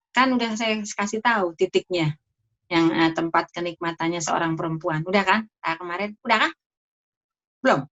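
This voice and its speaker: A middle-aged woman doctor giving a casual talk on marriage health to an audience, chatty with lively asides. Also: medium pitch. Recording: dull lo-fi sound.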